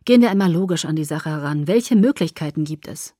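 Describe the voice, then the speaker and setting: A woman reading as a young vampire man, speaking low and hushed. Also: animated, quick pace, dry recording, clean studio sound. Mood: subdued.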